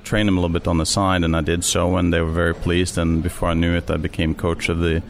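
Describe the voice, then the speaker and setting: A middle-aged man from Norway with a Norwegian accent, answering interview questions in a measured way with many fillers and restarts. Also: deep voice, level tone, creaky, a little hiss or hum. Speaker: interview guest, sports official.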